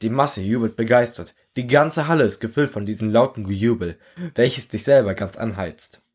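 A man reading his own short story aloud in a measured, earnest second-person storytelling voice. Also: mid-range voice. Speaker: narrator.

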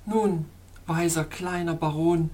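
A woman's voice: fairly low pitch, steady tone, takes it slowly, dark tone. A woman voicing a sorrowful, anxious young fairy princess in a storybook reading, with a pleading, tremulous murmur.

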